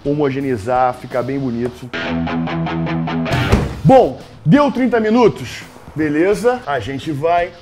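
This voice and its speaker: A young Brazilian man hosts a comic cooking vlog from his home kitchen. He is brash and jokey, swinging between loud hype and low mutters.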